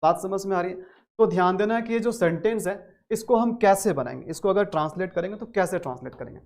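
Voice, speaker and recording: A man's voice: high-pitched, fast. A man with a Hindi accent teaching a spoken English grammar lesson, repeating key phrases and stressing words hard.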